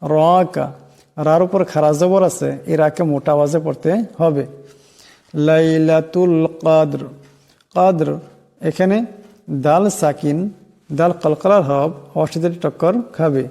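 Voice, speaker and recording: A man teaching how to pronounce a Quran chapter, slowly explaining each letter's rules and chanting the verses drawn out. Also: fairly high pitch, fairly even intonation, mellow, in a large hall. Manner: slow, deliberate, spells out sounds letter by letter and chants verses drawn out. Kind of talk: slow teaching of recitation and pronunciation.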